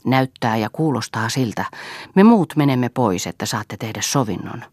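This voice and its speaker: A woman's voice: rumbling low, expressive, a little mellow, no room sound, clean studio sound. A woman playing a caring older farm mistress. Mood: tender.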